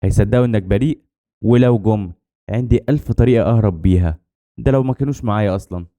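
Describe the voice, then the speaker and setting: A man voicing an angry, arrogant middle-aged crime boss with an Egyptian Arabic accent, shouting and mocking. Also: on the low side, very fast, lightly acted. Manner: shouting, then sneering and mocking.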